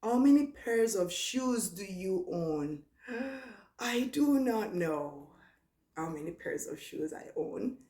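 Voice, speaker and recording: A young woman with a Nigerian accent, chatting casually through a question-and-answer vlog and reading each question aloud slowly. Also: medium pitch, lively intonation, dark tone. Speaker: vlogger. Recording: echoey room.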